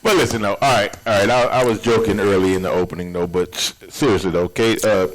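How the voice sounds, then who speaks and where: A man's voice: fairly low pitch, fast, no room sound, poor audio. A man co-hosting a wrestling podcast in casual chat, laid-back and stammering as he starts his points. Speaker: podcast co-host.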